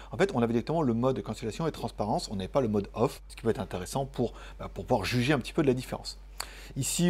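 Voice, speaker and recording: A man's voice: mid-range voice, a little mellow, slightly rough. A man reviewing a tech product in a casual, chatty demo, full of filler words and slang.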